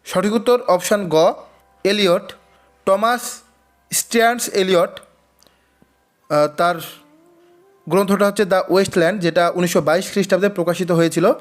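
A man's voice: high-pitched, normal speed, pauses often, soft background music. A man teaching an exam-prep quiz lesson, reading each question twice before giving and explaining the answer. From West Bengal.

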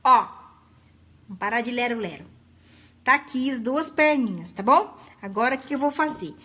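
A woman's voice: fairly high pitch, expressive, normal speed, pushed and bright. A middle-aged woman, hosting a live craft tutorial in a chatty, affectionate way and greeting viewers by name. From Brazil.

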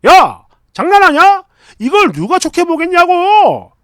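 A man's voice: very high-pitched, wildly swooping pitch, unhurried, fairly bright tone, no room sound, clean studio sound, voice pushed up, exaggerated voice. A man putting on an indignant, sulky boyfriend. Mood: scoffing. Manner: indignant, scolding, raised and pushy. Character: irritated, sulky young adult boyfriend.

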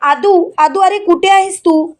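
Brief: worried young wife, pleading and anxious, high voice, read by a woman. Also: steady tone, normal speed. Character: frightened young wife searching for her husband.

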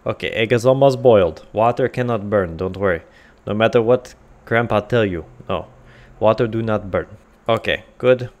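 The highs are cut off in this clip of a man whose voice sits on the low side, talking at a moderate pace. He's casually commenting on a cooking game in a mock Russian accent, dropping articles, rambling, and amusing himself with jokes while cooking.

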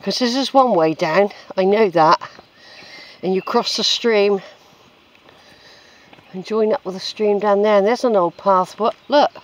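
Unhurried and full of long pauses, a mid-range voice belongs to a vlogger walking a woodland trail outdoors. The talk is loose, casual musing on the move, recorded through a handheld camera's built-in mic.

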